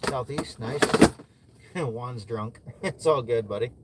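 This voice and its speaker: A man's voice: medium pitch, slow. A man from the American Midwest livestreaming while ice fishing, chatting easily with viewers and chuckling often. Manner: laid-back, chuckles often, answers chat between fishing. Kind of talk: casual livestream chat reading viewer comments. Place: ice fishing shelter outdoors in winter. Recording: noisy outdoor ambience.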